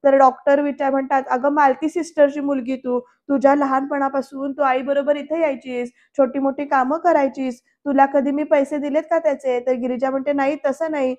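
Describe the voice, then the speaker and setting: A woman's voice: high-pitched, flat delivery, a little fast, few pauses, a little mellow, lo-fi sound. A woman narrating a voice-over recap of a TV serial episode, reading each character's lines in turn.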